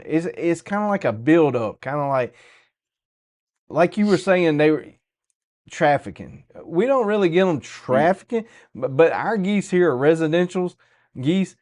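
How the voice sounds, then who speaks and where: A man's voice: a little high, darkish tone. A man with a Southern US accent hosting a podcast, chatting casually in a folksy, colloquial way. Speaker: podcast host.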